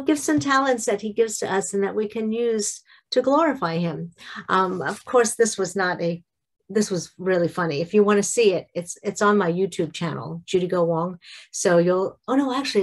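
A middle-aged woman vlogger talking casually and devotionally to camera, halting at times and correcting herself. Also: on the low side.

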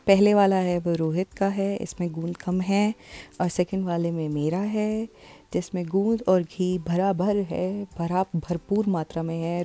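A woman's voice: lowish voice, dark tone. A woman casually narrating her family's morning routine for a vlog, mixing in English phrases. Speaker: vlogger.

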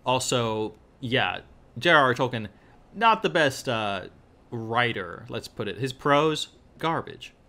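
Bright-voiced man, dry and sarcastic. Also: mid-range voice, animated, slow pace. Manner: dry sarcastic banter, mock voices for jokes. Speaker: podcast co-host. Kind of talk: casual chat.

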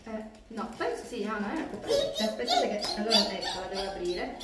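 A woman's voice: medium pitch, wildly swooping pitch, fast. A woman vlogging casually at home as she opens Christmas gifts, gushing over each one. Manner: effusive, exclaiming over each gift. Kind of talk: casual vlog chat. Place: home room. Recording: echoey room from far off, loud noise.

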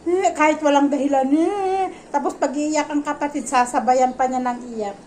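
A woman in her thirties, a mother vlogging casually from her home kitchen, chatty and soft-spoken. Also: sits high, moderate pace, slight background noise, rough recording. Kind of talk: casual home vlog chat.

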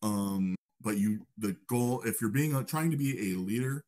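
A man's voice: on the low side, expressive, normal speed, a little mellow. A young man giving a casual lecture, talking conversationally and often checking in with "right?". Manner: acts out upbeat greetings in a raised voice.

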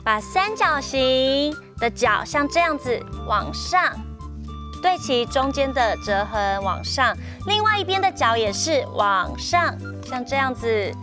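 A woman's voice: high voice, expressive, unhurried, over music. A young woman with a Taiwanese accent co-hosting a children's craft lesson, speaking in simple, exclamatory phrases as if to toddlers. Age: young adult. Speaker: children's show co-host. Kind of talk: presenting an origami lesson to small children. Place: television studio.

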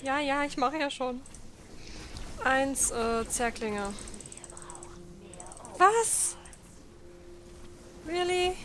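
A young woman commentates casually on her own gameplay. Her voice sits on the high side, and there is faint game noise in the background. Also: slow pace, pauses often, a bit bright. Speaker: let's player.

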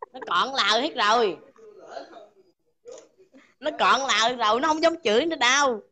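High, bright-voiced woman, casual mocking livestream chat. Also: a little slow, long pauses.

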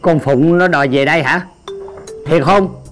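An actor playing a man who reassures his wife briskly on the phone. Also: fairly high pitch, a bit bright, soft background music. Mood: reassuring.

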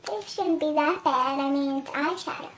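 A vlogger with a helium-like chipmunk pitch-up effect, chatting casually and uncertainly to themself through a task. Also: moderate pace, a bit bright, a little hiss or hum. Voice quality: high squeaky chipmunk, helium-like voice from pitch-shifting. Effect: chipmunk pitch-up filter. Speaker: beauty vlogger. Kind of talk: casual chat while doing a makeup challenge.

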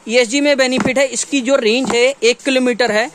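A man in his thirties, North Indian accent, speaks at normal speed in a very high voice with fairly even intonation. As a shop dealer, he gives an informal, repetitive product showcase to camera. He's indoors in a small, cluttered gear shop, where faint background noise can be heard.

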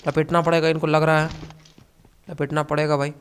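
A young man doing comedic voice-over commentary on a mobile game, full of excitable, crude banter. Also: fairly high pitch, brisk, clean tone. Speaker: gaming commentator.

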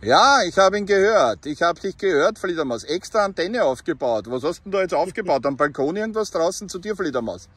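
This Austrian CB radio hobbyist speaks with a Viennese accent, vlogging on a roadside by some bushes with his phone in hand. His high, husky, fairly bright voice swings widely in pitch as he delivers brisk radio chat and commentary with few pauses. He tends to end phrases with tag questions.

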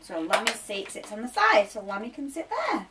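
A young woman in a bedroom, gently asking a small child questions while unboxing a toy. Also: on the high side, big pitch swings, normal speed. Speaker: vlogger and mother. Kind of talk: casual toy unboxing chat. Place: bedroom, sitting on a bed. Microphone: camera mic from a few feet away. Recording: distant camera mic, clear background noise.

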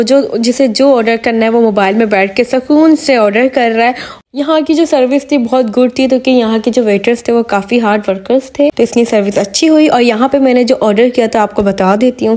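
A woman's voice: a little high, a little mellow. A young woman from Pakistan with a Karachi Urdu accent, chatting enthusiastically as she reviews a restaurant's dishes in a casual vlog. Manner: chatty, enthusiastic, repeats words while reviewing. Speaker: food vlogger.

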